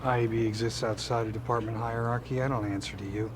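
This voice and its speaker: An actor playing a stiff, officious internal affairs investigator in a sitcom, formal and curt. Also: male voice, medium pitch, steady tone, quick pace, noisy background, natural voice. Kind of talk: sitcom acting.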